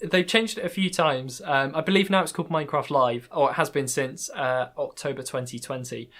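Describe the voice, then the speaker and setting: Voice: medium pitch, fairly even intonation, fairly quick, fairly bright tone. Hesitant chatty podcast host. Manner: hesitant, many fillers and restarts, laughs often. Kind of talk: casual podcast chat.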